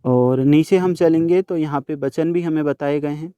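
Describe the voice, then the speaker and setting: A man's voice: a little high, normal speed, dark tone, clear, resonant tone, dry recording. A young man teaching a workbook lesson, patiently explaining each answer and speaking directly to students.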